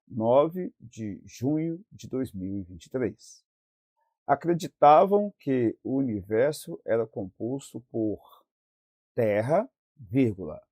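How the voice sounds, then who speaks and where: A male teacher from Brazil slowly going over worksheet answers in a recorded lesson, stretching out words as he dictates. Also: mid-range voice, dark tone, husky, no room sound, studio quality.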